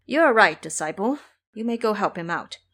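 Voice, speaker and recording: A woman's voice: medium pitch, expressive, moderate pace, fairly bright tone. A woman voicing a meek, helpless male monk master with a plaintive manner in an audio drama. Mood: approving.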